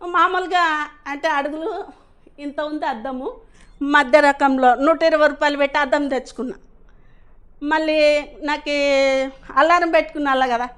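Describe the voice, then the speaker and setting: Earnest high-voiced woman. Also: fairly bright tone. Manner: rambling, earnest storytelling. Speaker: class attendee giving feedback. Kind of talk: personal testimonial.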